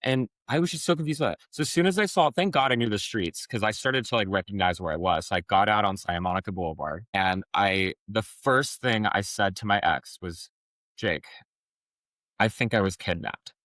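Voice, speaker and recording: A man's voice: lowish voice, brisk, fairly bright tone, dry recording. A man speaking as a podcast guest, telling a personal story frankly in a rambling way, with many restarts. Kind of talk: personal testimony in an interview.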